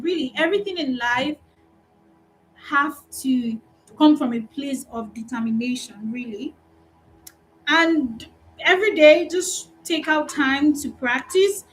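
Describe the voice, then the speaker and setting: In a live online training, this recruiter for customer support, a woman with a Nigerian accent, speaks with animation and encouragement. She is high-pitched, and the audio is poor.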